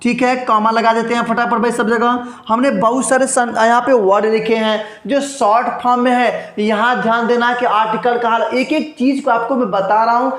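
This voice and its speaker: A man's voice: extremely high pitch, little pitch movement, normal speed, hardly any pauses, fairly bright tone. A man teaching an exam-prep grammar lesson, asking and answering his own rhetorical questions and repeating key points. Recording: echoey room.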